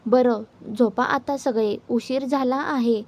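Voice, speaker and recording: A woman voicing a calm, gentle older father in a storybook reading. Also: fairly high pitch, slow pace.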